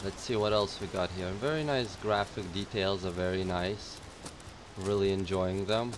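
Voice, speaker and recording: A man's voice: deep voice, moderate pace, noisy background. A man giving casual, joking gameplay commentary in informal, crude slang. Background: video game sounds.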